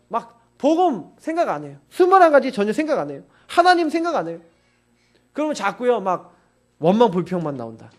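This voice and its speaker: A man preaching a sermon, pressing his points home with repeated, urgent appeals to his listeners. His voice sits high for a man and rises and falls in wide, lively swings. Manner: emphatic, insistent, urging listeners repeatedly. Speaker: pastor.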